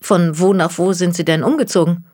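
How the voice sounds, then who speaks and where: Woman voicing a gentle, probing woman investigator. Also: fairly low pitch, steady tone, brisk, close to an everyday voice. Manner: soft, questioning.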